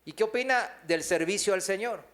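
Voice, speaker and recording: A man's voice: high voice, brisk, a bit bright. A male pastor, preaching a sermon full of rhetorical questions to his congregation.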